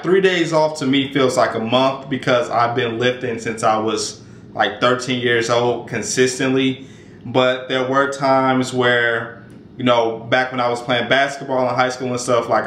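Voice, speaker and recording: A fitness vlogger in his thirties chats casually to the camera from his home kitchen, relaxed and conversational, with lots of fillers and restarts. His voice is medium in pitch and his pace is measured. The camera mic sits at arm's length, and the echoey room carries faint background noise.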